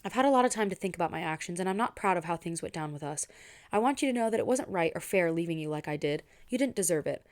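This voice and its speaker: A woman voicing a remorseful, newly married young woman, reading her apology quietly in an audiobook style. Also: fairly low pitch, expressive, fast talker.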